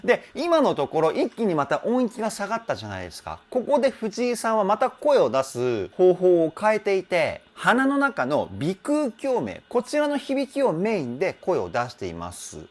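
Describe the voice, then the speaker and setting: His voice sits high and swings hugely in pitch, moving at a normal speed with hardly any pauses. A vocal trainer, he chats through a singer's technique in a self-deprecating way, often laughing and humming sung phrases.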